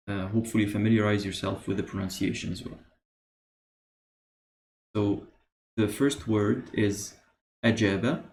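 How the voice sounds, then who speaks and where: A man teaching beginner Arabic, explaining patiently with pauses and many "uh"s. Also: on the low side, darkish tone, slight background noise. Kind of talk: beginner language lesson.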